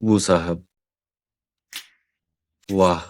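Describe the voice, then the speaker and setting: A man's voice: deep voice, steady tone, drawn-out words, a little hiss or hum. An actor dubbing a male assistant who is deferential and a little teasing. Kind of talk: dubbed drama dialogue.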